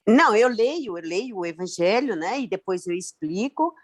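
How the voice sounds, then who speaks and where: A woman's voice: mid-range voice, moderate pace. A woman in a study group, sharing her own experience and quoting herself as she tells it. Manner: lively storytelling, quoting herself.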